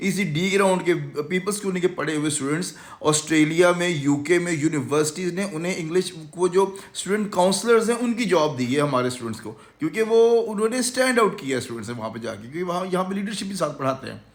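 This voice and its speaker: Fast and animated, with barely a pause, a high-voiced man pitches his English course at a language institute. The instructor has a Pakistani Urdu accent and delivers a confident, sales-driven promo laced with English words.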